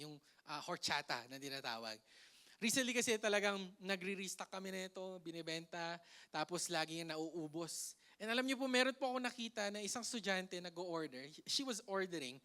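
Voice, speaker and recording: A man with a Filipino accent preaching a lively, playful sermon that mixes Tagalog and English, joking with the congregation and swinging between loud emphasis and soft asides. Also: high voice. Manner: playful, jokes with the congregation and laughs. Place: church hall.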